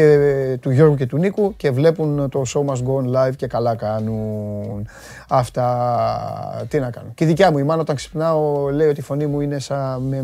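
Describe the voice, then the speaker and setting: A man hosting a live sports show, chatting casually and teasing his viewers in a loud, rough voice. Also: medium pitch, no echo. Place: studio.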